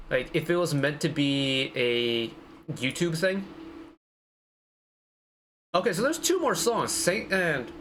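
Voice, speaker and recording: A man's voice: mid-range voice, fairly bright tone. A man hosting a music reaction channel, rambling enthusiastically in casual commentary and speeding through his friendly sign-off.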